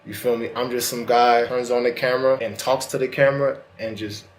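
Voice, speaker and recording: A man's voice: medium pitch, flat delivery, brisk, reverberant, a little hiss or hum. A man with slightly lisping, slurred speech from a retainer, giving a casual, earnest motivational monologue straight to the viewer. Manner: casual, colloquial, earnest direct address. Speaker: host of self-help vlog.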